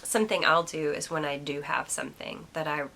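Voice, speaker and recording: A low-pitched woman with a gravelly, creaky edge and a bright, sharp tone. She muses aloud in a casual solo podcast, rambling and reflective. She pauses with frequent ums and turns aside now and then to talk to her cat. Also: fairly even intonation, slight background noise. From United States. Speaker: podcast host.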